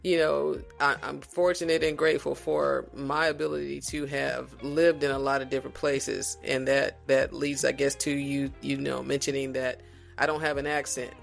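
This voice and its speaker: A man from South Carolina chats casually as a podcast guest, his mid-pitched voice carrying a gravelly rasp. He talks reflectively and without hurry, often backing up to restart his sentences, with faint music under him. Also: little pitch movement. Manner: reflective, unhurried, with frequent restarts. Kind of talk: casual conversation.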